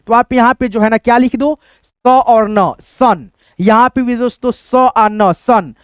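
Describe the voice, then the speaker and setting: A man's voice: very high-pitched, clear, resonant tone, no room sound. A man teaching an online pronunciation lesson, spelling out each word letter by letter and saying it again and again. He keeps calling out to his viewers as friends as he goes. The recording is dry and close, with no room sound. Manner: spells words out letter by letter and repeats them; constantly addresses viewers as friends. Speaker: English teacher.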